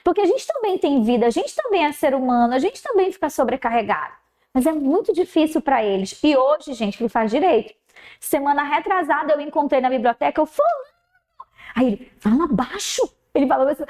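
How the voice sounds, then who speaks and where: A middle-aged woman teacher, telling a classroom story casually and acting out the dialogue with lively jumps in pitch. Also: brisk.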